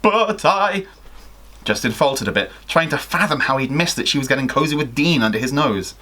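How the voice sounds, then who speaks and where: Speaking fast in a sharp, mid-range voice, a young adult man theatrically reads listener fan fiction as a guest, acting out each line of dialogue. He is indoors in a small attic bedroom.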